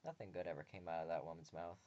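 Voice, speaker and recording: Reading through a visual novel for a game video, this man speaks very fast in a low, steady, mellow voice. Narration and dialogue come out mostly plain, with joking asides in between. It sounds like a dull lo-fi home recording with faint ambience.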